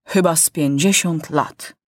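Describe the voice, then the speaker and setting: A woman's voice: deep voice, slow, no room sound. A woman reading a storybook, voicing a pedantic male minister of justice in a dry, legalistic manner.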